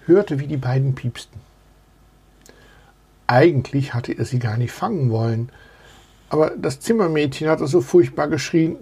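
Husky, gravelly male storyteller. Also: on the high side. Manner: expressive, animated reading. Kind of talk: children's story reading.

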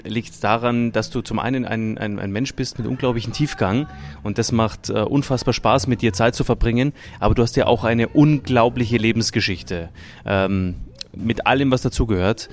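A man's voice: fairly low pitch, normal speed. A man hosting an interview in a restaurant, speaking enthusiastically with many fillers. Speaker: podcast host, interviewer. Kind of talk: casual interview. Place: restaurant in Munich.

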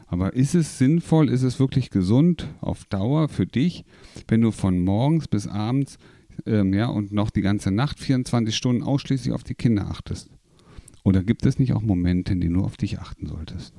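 A man's voice: on the low side, expressive, normal speed, vocal fry, dark tone, no room sound, clean studio sound. A man coaching a listener, explaining with examples, rhetorical questions and frequent tag questions. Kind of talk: coaching talk in a podcast.

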